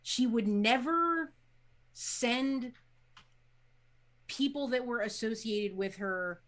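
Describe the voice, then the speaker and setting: A woman's voice: a little high, a bit bright. A woman playing a fuming, fiercely loyal vampire warrior in a tabletop game, speaking through gritted teeth. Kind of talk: tabletop role-play acting.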